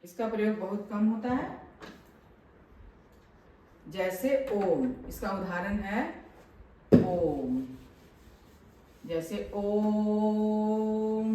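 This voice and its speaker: A woman teaching a grammar lesson to children, patient and repeating phrases slowly, often checking whether they understood. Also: mid-range voice, darkish tone, heavy reverb, far from the mic, slight background noise, low-quality recording. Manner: asks pupils if they understood.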